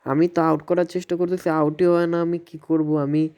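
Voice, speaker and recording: A man with a Bangladeshi Bengali accent, hoarse from coughing, rambling and mocking himself in an unscripted gameplay voice-over. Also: on the high side, level tone, normal speed, a little mellow. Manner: rambling, self-mocking, groans at near misses. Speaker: gaming video creator.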